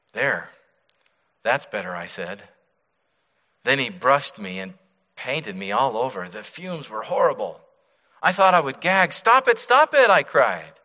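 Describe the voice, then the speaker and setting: A man voicing a suffering clay teacup that pleads and cries out in high, strained bursts. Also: sharp tone, long reverb tail.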